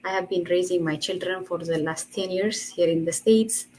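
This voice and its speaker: A woman's voice: fairly low pitch, steady tone, normal speed, a little mellow, rough recording. Woman in her 30s, guest on a live chat, earnest, little laughs, faint background hiss. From Ethiopia. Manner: earnest, laughs between phrases. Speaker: guest, online entrepreneur. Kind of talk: casual interview.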